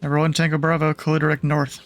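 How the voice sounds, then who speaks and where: A man's voice: fairly high pitch, monotone, fast talker, faint music behind. A man giving air traffic instructions as a controller, informal and hesitant, mixed with casual chat.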